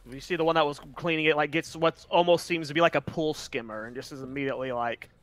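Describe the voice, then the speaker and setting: Slightly high-voiced male game master. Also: steady tone, fast, no echo. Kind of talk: casual improvised tabletop game narration.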